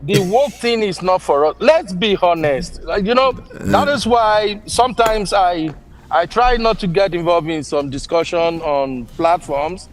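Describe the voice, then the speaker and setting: A man's voice: high voice, measured pace. A middle-aged man with a Nigerian Yoruba accent in casual discussion, speaking emphatically and repeating words for stress.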